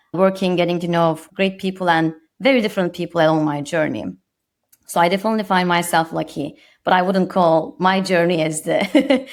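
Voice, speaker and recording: On a podcast interview, a woman in her thirties with a Turkish accent, originally from Turkey, talks with a reflective, modest manner and keeps restarting her thoughts. Her voice lies on the low side.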